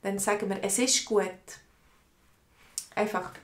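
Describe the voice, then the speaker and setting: A woman with a Swiss accent, teaching a live online language lesson, explaining words slowly and answering viewers' comments. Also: mid-range voice, fairly even intonation, echoey room. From Switzerland. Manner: slow, explanatory, repeats words for learners.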